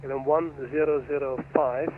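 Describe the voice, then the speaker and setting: A man's voice: fairly high pitch, steady tone, fairly quick. Male air traffic controller on tinny radio. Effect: radio transmission. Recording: narrow tinny radio, faint noise.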